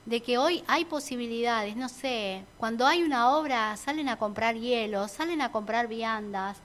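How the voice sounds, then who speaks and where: A woman entrepreneur with an Argentine Spanish accent chats casually as a guest on a radio talk show. Her voice is on the high side, unhurried, and a bit bright. She sounds reflective, with lots of fillers and restarts.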